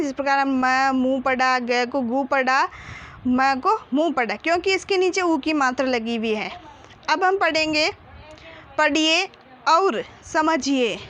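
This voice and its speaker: A woman's voice: high-pitched, fairly bright tone. A woman teaching a children's Hindi reading lesson, patiently spelling out each syllable and blending them into words.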